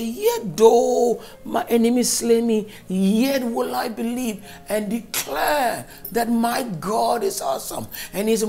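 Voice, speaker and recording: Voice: medium pitch, gravelly, warm tone. A preacher giving a fervent, emphatic sermon and spoken prayer, repeating phrases for stress.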